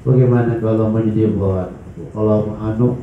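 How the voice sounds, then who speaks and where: A man preaching at a religious study session, animated, swinging between loud cries and low mutters. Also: normal speed. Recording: echoey hall, dull lo-fi sound, faint hiss.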